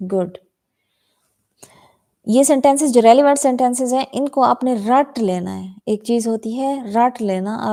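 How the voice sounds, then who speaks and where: Woman teaching with a mellow voice. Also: on the high side. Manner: slow, clear model sentences repeated for students; calls out student names and checks answers. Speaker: spoken English teacher for Quran tutors. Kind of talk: online class, bilingual drill.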